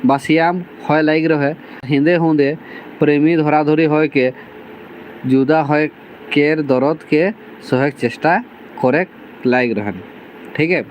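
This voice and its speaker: A man's voice: fairly high pitch, steady tone, takes it slowly, pauses often, slight background noise, poor audio. Man from teaching a novel. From Jharkhand, India. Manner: reads dialect lines aloud, then restates them plainly with many 'theek hai' fillers. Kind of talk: reading and explaining a novel to students.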